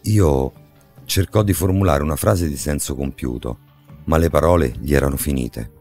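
A man narrating an audiobook in a measured, dramatic storytelling manner. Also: rumbling low, a little mellow. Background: faint background music.

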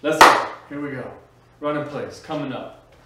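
A man's voice: medium pitch, normal speed. A man working as an aerobics instructor, coaching a workout with motivational urging and short called-out cues while exercising. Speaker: fitness instructor. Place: small home gym with bare walls, indoors. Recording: echoey room, distant mic, faint noise.

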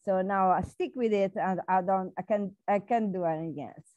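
A woman from Italy with an Italian accent, introducing herself slowly on a video call with many fillers. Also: mid-range voice, darkish tone, dry recording. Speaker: book club participant. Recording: dull dry call audio.

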